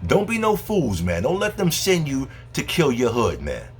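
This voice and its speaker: A man's voice: medium pitch, wildly swooping pitch, moderate pace, slight background noise. A man delivering a heated, profane monologue to camera as a video host. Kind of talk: angry ranting monologue.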